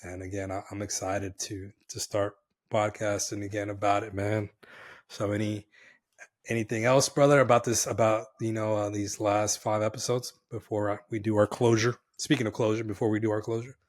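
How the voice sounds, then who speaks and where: Hoarse, energetic male podcast host. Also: on the low side, moderate pace. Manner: energetic, calls co-host brother. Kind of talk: casual podcast chat.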